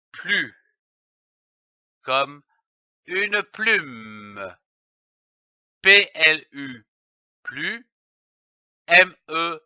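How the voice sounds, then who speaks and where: A man teaching reading who spells words out letter by letter, deliberate and over-articulated. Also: on the high side, bright, forceful tone, clear, resonant tone, dry recording. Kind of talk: slow syllable-by-syllable reading lesson. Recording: dry, dull lo-fi sound.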